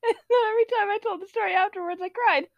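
Very high-voiced woman laughing through stories. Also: very fast, vocal fry, no room sound, highs cut off. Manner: laughing through her story, tearful with laughter. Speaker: podcast co-host. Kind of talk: casual chat, comic storytelling.

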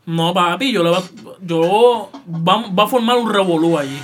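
A high-pitched man, co-hosting a casual podcast. He talks in a heated, animated way and keeps throwing in "papi" and "loco". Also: normal speed. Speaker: podcast co-host.

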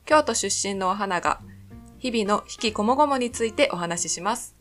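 A woman's voice: medium pitch, expressive, moderate pace, fairly bright tone, faint music behind. A woman from Sapporo chatting casually as a podcast co-host, attentive and agreeable in how she responds. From Sapporo, Japan. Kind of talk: casual chat.

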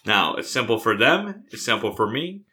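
A man's voice: on the low side, sing-song, normal speed, sharp tone. A man co-hosting a casual podcast, asking questions in a plain, easygoing way.

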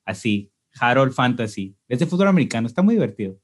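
A man co-hosting a casual podcast, jokey and quick to laugh. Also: mid-range voice, sing-song. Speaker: podcast co-host.

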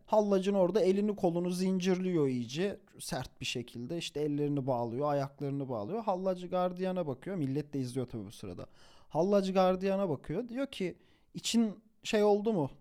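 Young male storyteller, high voice for a man, animated and casual, slangy, restarts phrases. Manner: animated, chuckles while telling; informal slang, self-corrections.

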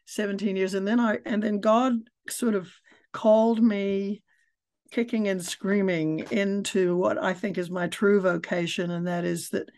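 A woman's voice: medium pitch, fairly even intonation, measured pace, a little mellow. A mature woman, chatting casually as an interview guest. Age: middle-aged or older. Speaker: guest, spiritual director.

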